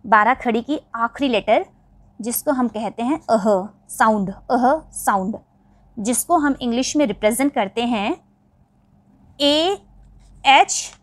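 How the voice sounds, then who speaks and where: A woman with an Indian accent teaching English vowel sounds in Hindi. She spells each word letter by letter and then says it again slowly. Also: fairly high pitch, expressive, no echo.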